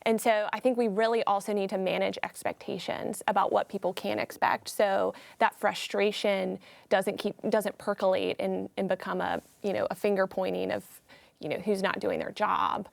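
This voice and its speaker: A woman speaking as a former state senator on a political panel, measured and thoughtful, with some fillers. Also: mid-range voice, level tone, gravelly, no room sound. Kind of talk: studio panel discussion.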